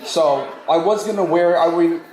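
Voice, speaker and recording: A man's voice: on the high side, normal speed. A man giving a playful, joking wedding toast as the groom's cousin at a reception. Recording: echoey hall, loud room noise.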